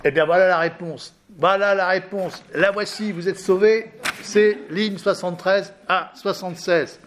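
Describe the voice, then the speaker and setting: A man's voice: high-pitched, steady tone, measured pace, a bit bright, a little hiss or hum. A man teaching a class, explaining a text with emphatic repetitions and rhetorical questions. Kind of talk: lecture reading a philosophy text aloud.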